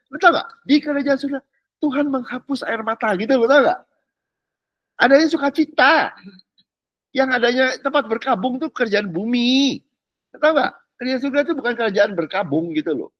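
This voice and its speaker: A man's voice: a little high, no room sound, highs cut off. A man giving a casual, slangy sermon as pastor, often checking that his listeners follow. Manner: animated, slangy, keeps asking "ngerti nggak?".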